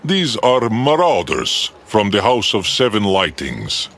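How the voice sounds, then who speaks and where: A man voicing a scheming Boryot outlaw who talks smoothly and slyly in a slow drawl. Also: on the low side, very animated, fairly bright tone, heavily acted.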